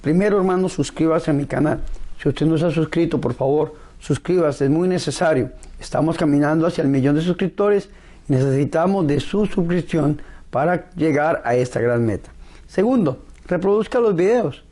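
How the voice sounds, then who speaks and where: Higher-voiced male priest preaching. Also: warm tone. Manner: solemn, pastoral, deliberate phrasing. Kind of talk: devotional sermon and prayer.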